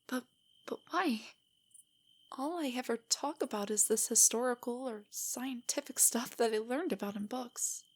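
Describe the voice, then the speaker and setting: A woman performs an intimate audio drama as a nerdy young girlfriend, her fairly high, breathy voice often slipping almost to a whisper. Unhurried, she hesitates and stammers, coming across as nervous, self-doubting and affectionate, with a shy, hesitant mood.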